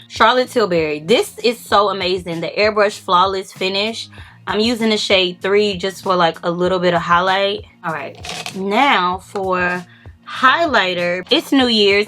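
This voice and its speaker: A young woman beauty vlogger chats casually through a get-ready makeup tutorial, sprinkling "like" throughout her talk. Her voice is mid-range and fairly bright, with faint music in the background.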